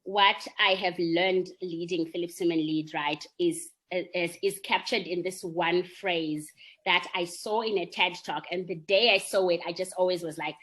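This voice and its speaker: A young woman speaks in a slightly low voice. She answers interview questions earnestly and reflectively, often checking in with her listener. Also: fairly even intonation, unhurried, fairly bright tone. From Zimbabwe. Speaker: marketer and employee network founder.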